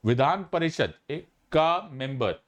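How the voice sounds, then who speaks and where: A middle-aged Indian man teaching an online exam-prep lecture, coaxing and lively, switching between Hindi and English. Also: fairly high pitch, takes it slowly. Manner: lively, coaxing teacher talk mixing Hindi and English, calls students "my child".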